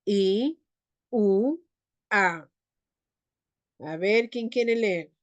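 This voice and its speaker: A woman teaching an online class, leading slow pronunciation drills and calling on students. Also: mid-range voice, highs cut off. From Peru. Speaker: Quechua teacher.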